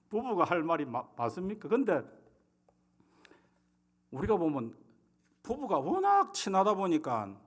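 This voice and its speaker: A male pastor with a Gyeongsang accent preaching a humorous, conversational sermon. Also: sits high. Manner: humorous, conversational, acting out scenes.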